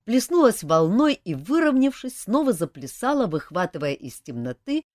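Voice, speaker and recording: A woman reading a fantasy novel aloud in an expressive, animated way. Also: medium pitch, moderate pace, no echo, clean studio sound. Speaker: audiobook reader.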